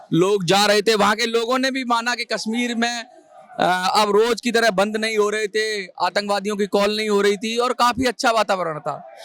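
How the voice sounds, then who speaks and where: A man's voice: very high-pitched, fairly bright tone. A man answering as a guest analyst in a news debate, explaining at length, restarting and stumbling over words.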